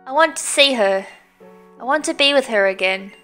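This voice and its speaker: Woman doing a dramatic game heroine, intense and high pitched, soft game music under. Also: animated, normal speed. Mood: wistful. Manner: earnest, dramatic reading of game dialogue. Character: young woman, driven dragon-summoning zealot.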